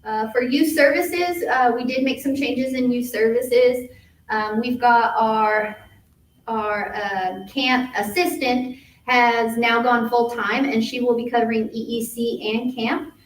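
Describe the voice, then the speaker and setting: Woman doing a parks and camps update, kinda high voice, lots of uhs, far off in an echoey room. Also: steady tone, slow, slight background noise. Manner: upbeat, filler-heavy report. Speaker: youth services staff presenter. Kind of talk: reporting at a township board meeting. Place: meeting room.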